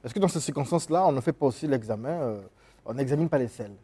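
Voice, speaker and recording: Guy interviewing, husky voice, short hesitant questions. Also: mid-range voice, animated, racing, warm tone. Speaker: interviewer host.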